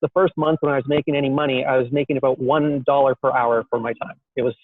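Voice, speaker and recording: A man's voice: medium pitch, little pitch movement, fast talker, no echo. Man's voice, tinny phone-line audio. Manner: self-deprecating, rambling with many fillers and restarts. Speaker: guest entrepreneur. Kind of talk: casual interview storytelling.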